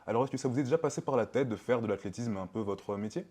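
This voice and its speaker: A man hosting an interview, asking upbeat, brisk questions. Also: medium pitch, darkish tone.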